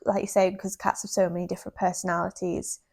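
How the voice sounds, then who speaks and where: A woman's voice: on the low side, level tone, quick pace, vocal fry, a little mellow. A woman talking casually as a podcast co-host in an informal conversation. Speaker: podcast co-host, cat sitter.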